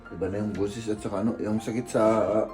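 A man chatting casually to his viewers in a vlog from home while sick, coughing now and then, relaxed and full of fillers. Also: fairly low pitch, fast talker, faint music behind. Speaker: vlogger. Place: indoors at home. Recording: echoey room.

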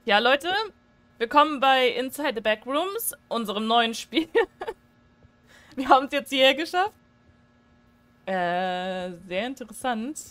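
Woman, high voice, let's play commentary, joking and chatty, desk mic. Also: animated, takes it slowly, pauses often, a bit bright. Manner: chatty, joking, shrieks when startled. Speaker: gaming streamer. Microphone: desk microphone.

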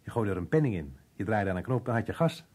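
An actor playing a muddled, evasive working man in an old radio drama, halting and puzzled, with a rough, husky voice. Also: lowish voice, very animated, darkish tone. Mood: rambling, confused. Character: muddled, evasive working-class man, slow to grasp questions.

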